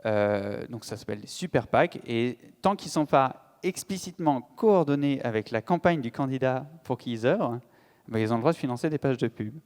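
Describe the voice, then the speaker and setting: A man's voice: medium pitch, lively intonation, normal speed, darkish tone. Man speaking in a reverberant hall. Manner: hesitant, many fillers and restarts. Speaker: conference speaker. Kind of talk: political conference talk. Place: conference hall.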